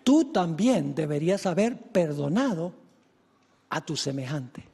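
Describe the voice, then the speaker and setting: A man's voice: a little high, very animated, a little slow, vocal fry, mellow, slightly rough, voice pushed down, full character voice. A man playing a stern male master who commands and judges his debtor. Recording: echoey hall reverb.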